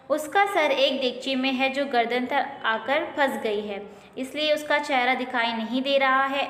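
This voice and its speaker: A woman's voice: high-pitched, a bit bright. A woman teacher who reads a school play aloud and explains each line simply, repeating it for young pupils. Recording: roomy with long reverb.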